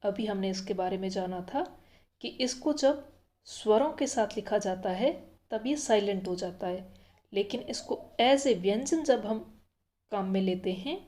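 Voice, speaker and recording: A woman's voice: mid-range voice, darkish tone. A woman teaching a language lesson, repeating each letter sound patiently and explaining step by step. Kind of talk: slow, careful language lesson.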